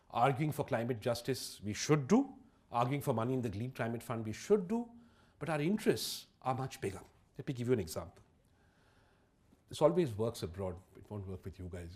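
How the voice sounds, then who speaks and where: A man giving a public lecture on economics, emphatic and wry, full of rhetorical questions. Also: medium pitch.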